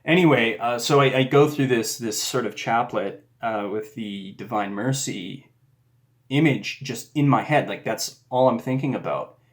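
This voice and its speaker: Earnest rambling man, mid pitch. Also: measured pace. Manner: earnest, rambling, with frequent restarts. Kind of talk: casual reflective monologue.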